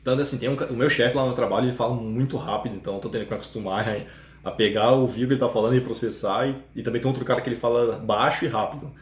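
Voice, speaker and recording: A man's voice: mid-range voice, steady tone, racing. A man, a programmer guest chatting casually on a live stream and explaining at length with easy laughs. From Brazil, São Paulo. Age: 30s. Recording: roomy, faint noise.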